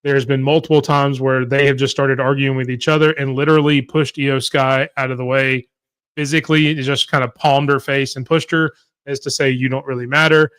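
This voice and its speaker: A man's voice: medium pitch, little pitch movement, fairly quick, a bit bright, clear, resonant tone, no room sound. A man co-hosting a wrestling podcast, casually walking through matches and reading out viewer comments. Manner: conversational, reads out viewer comments. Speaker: podcast co-host.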